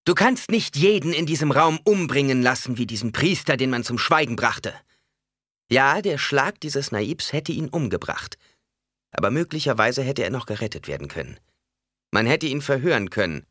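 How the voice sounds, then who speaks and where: A man's voice: medium pitch, animated, moderate pace, a bit bright, dry recording, voice pushed up. A proud, scornful noblewoman with a cutting, commanding tongue, voiced by a man. Her lines sit well above his usual register and rise and fall widely. The sound is close and dry, with no room around it. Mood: accusing.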